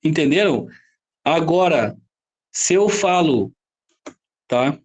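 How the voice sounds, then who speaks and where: A Brazilian man teaching a Portuguese grammar lesson, explaining step by step with frequent rhetorical questions and quick checks for understanding. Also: on the high side, lively intonation, a little mellow. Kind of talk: classroom lecture.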